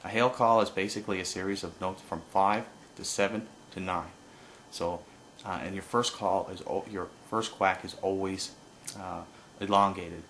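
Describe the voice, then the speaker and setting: A man giving an informal hands-on tutorial as an instructor, explaining haltingly with pauses and no script. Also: low voice, steady tone, fairly bright tone, slight background noise. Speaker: duck-calling instructor.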